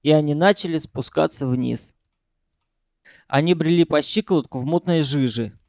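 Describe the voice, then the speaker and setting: Male narrator, gravelly, slightly high; dramatic storybook delivery, dry close mic. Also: moderate pace, a little mellow, no room sound. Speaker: audiobook narrator.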